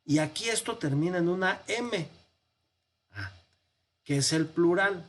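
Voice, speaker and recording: Priest for a Bible-study lecture: husky, measured and explanatory, walks listeners through the text. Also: male voice, high-pitched, expressive, fairly bright tone. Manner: explanatory, poses rhetorical questions and answers them; walks through a text on screen, counting and pointing.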